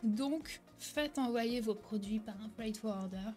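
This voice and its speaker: A young woman who coaches online selling gives an energetic direct-to-camera tutorial, often checking in with "ok?" and occasionally hesitating or correcting herself. Her voice is a little high and a bit mellow, her pace unhurried, with faint music behind her.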